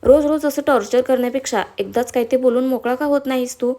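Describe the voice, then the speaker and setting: Woman voicing a defiant, sharp-tongued young wife. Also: high-pitched, fast, lightly acted. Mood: furious. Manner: angry, cutting.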